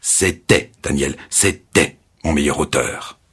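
Reader doing a bossy arrogant publisher guy, stern curt lines, husky voice pushed higher and louder, audiobook. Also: takes it slowly, full character voice.

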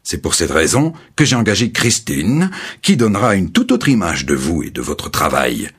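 A man's voice: low voice, big pitch swings, moderate pace, a bit bright, breathy edge, heavily acted. A man reading the part of an arrogant, bossy male publisher in a spoken story, with stern, curt commands.

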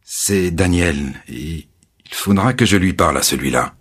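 A man reading the part of a quick-tempered male novelist in a spoken story, brusque and irritable. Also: deep voice, animated, a bit bright, slightly rough, heavily acted.

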